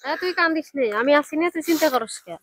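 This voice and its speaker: A woman playing a shrill scolding wife. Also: fast, fairly bright tone, no echo, studio quality.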